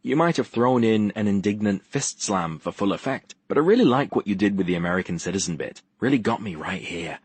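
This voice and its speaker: A man's voice: fairly low pitch, lively intonation, a little fast, few pauses, darkish tone, slightly rough, no echo. A man voicing a playful young friend who teases after a prank, in an audiobook. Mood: teasing. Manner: teasing, jovial.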